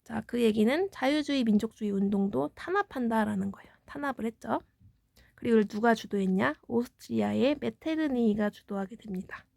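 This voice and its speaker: Gravelly-voiced woman teaching history. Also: on the high side, fairly quick, a little mellow, no echo, studio quality. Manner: explanatory, poses questions then answers them. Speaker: middle school history teacher. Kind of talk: exam review lecture.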